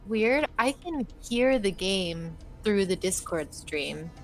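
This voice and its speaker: A woman's voice: mid-range voice, expressive, slow, faint music behind, rough recording. A young woman co-hosting a video game stream, chatting in an easygoing way. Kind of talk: casual chat while playing a game.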